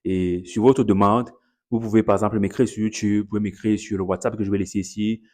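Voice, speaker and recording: A man's voice: lowish voice, fairly even intonation, quick pace, darkish tone. A man talking casually to his followers in a vlog, chatty and repetitive, sprinkling English words into his talk. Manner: chatty, repeats himself, mixes in English words. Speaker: content creator promoting his online academy. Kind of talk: casual direct-to-camera vlog.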